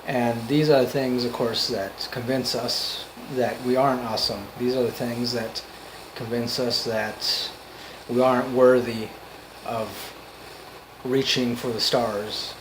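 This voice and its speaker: A man giving an off-the-cuff motivational monologue, earnest and emphatic, in halting phrases that repeat for emphasis. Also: mid-range voice, fairly even intonation, background noise. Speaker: amateur motivational speaker.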